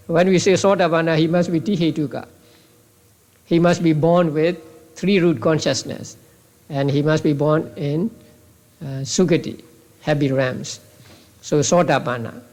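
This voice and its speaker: An older man with a Burmese accent, a monk teaching a class, speaking haltingly with many repeats and restarts on an old tape. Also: on the high side. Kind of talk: classroom lecture.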